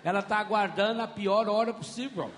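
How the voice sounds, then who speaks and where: High, bright-voiced Brazilian priest preaching. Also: male voice, a little fast, long reverb tail, a little hiss or hum. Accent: Brazilian Portuguese. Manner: animated, acts out scenes with shouts. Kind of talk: sermon.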